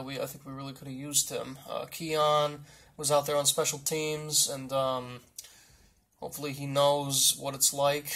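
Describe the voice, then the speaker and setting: Gravelly, halting football coach played by a man. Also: medium pitch, a bit bright. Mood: halting, matter-of-fact. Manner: halting, rambling, repetitive. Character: blunt, rambling male football team coach at a press conference. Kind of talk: mock press conference, off-the-cuff answers.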